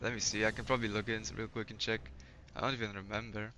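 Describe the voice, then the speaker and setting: A young Polish man streams a game and chats casually with viewers, laid-back and swearing often. His voice sits on the low side with little pitch movement, fast, bright and forceful. The lo-fi stream audio is slightly dull, with a bit of background noise.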